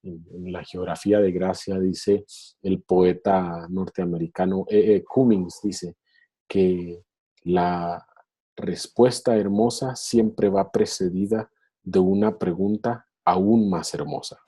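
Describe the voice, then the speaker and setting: A man's voice: low voice, fairly even intonation, slow, warm tone, husky. A man giving a reflective online lecture on theology, retelling a story and acting out its voices over a video call. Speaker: speaker in a theology webinar.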